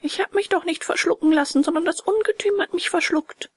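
A woman's voice: very high voice, brisk, no room sound, clean studio sound, pitched above the performer's own voice. A woman voicing a frightened young wooden puppet boy, wailing and pleading in a storybook reading.

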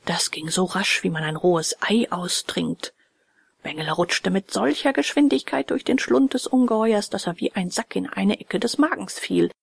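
A woman narrating a children's storybook in a hushed, often whispery voice. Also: medium pitch, creaky, breathy edge, no room sound. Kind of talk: storybook reading.

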